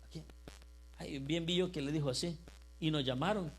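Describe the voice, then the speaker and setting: A male pastor preaching a sermon in church. He speaks with impassioned fervor, builds to loud emphatic declarations, and keeps asking the congregation questions. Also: a little high, moderate pace, low-quality recording.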